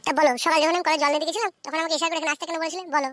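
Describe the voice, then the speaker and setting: In a comic cartoon role as a coy, defiant young Bengali village wife, a woman races along at extremely high pitch, now wheedling, now bickering. Her intonation stays fairly even, her delivery is rapid-fire, and the fairly bright voice is recorded without echo.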